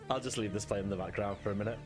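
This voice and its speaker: A man with a Liverpool accent and a fairly low voice chats casually at home on his game stream, thanking viewers, chuckling often and using plenty of fillers. It's relaxed live-stream talk, with background music coming through clearly.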